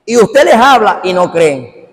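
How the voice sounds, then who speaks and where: A man's voice: sits high, sing-song, a little slow. A man, a pastor, preaching a sermon emphatically and repetitively, calling straight out to his listeners. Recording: long hall reverb.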